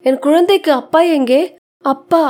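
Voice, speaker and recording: A woman's voice: high voice, a little slow, darkish tone, pitched above the performer's own voice. A woman voicing a troubled young mother who pleads in a raised, strained voice in a spoken short story. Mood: pleading, bewildered.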